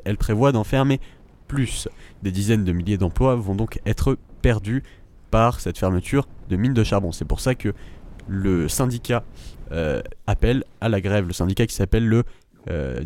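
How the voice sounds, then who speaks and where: Un jeune homme, co-animateur d'une émission de radio, qui présente un sujet avec de nombreuses hésitations. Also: male voice, fairly low pitch, a little mellow, dry recording. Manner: hesitant, many fillers. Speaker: co-host. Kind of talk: radio show presentation.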